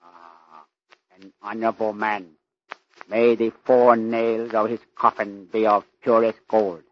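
Very old Chinese manservant, low-pitched, halting pidgin, meek and fatalistic, dull vintage radio sound. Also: male voice, little pitch movement. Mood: humble. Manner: broken pidgin English, halting and deferential. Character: humble, fatalistic very old Chinese servant man. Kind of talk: old radio drama acting.

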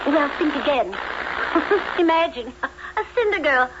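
An actress playing a spoiled, flighty, mocking stepsister with a shrill, affected delivery in a fairy-tale drama. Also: female voice, sing-song, moderate pace. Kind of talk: children's fairy-tale audio drama acting. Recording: dull lo-fi recording with clear noise.

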